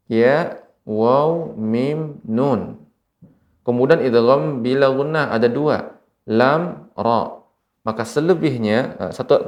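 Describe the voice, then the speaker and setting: A man from Indonesia teaching Quran recitation rules on television, speaking slowly and patiently and repeating each example word. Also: mid-range voice, darkish tone, highs cut off. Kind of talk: televised tajwid lesson. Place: TV studio.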